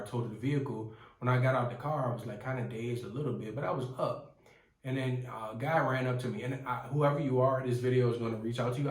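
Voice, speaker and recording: A man in his twenties giving an earnest, rambling personal testimony with frequent restarts. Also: mid-range voice. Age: 20s. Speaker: testimony speaker. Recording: roomy, from some distance.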